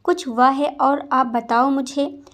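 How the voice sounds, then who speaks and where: A woman's voice: high-pitched, fairly even intonation, slow, fairly bright tone, full character voice. A woman voicing a kind older housekeeper who comforts a crying girl. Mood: soothing. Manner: soothing.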